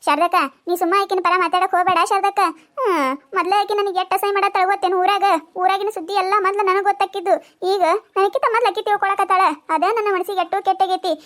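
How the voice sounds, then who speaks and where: A woman's voice: extremely high pitch, flat delivery, fast talker, a bit bright. A woman voicing a quarrelsome village woman in a cartoon, arguing in a North Karnataka accent. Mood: complaining. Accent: North Karnataka Kannada. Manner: arguing, accusing, pleading. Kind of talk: cartoon voice acting.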